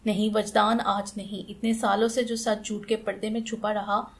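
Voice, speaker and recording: A woman's voice: mid-range voice, flat delivery, moderate pace, vocal fry, lightly acted. A woman reading an audiobook, voicing a stern, furious middle-aged aunt who scolds harshly and commands.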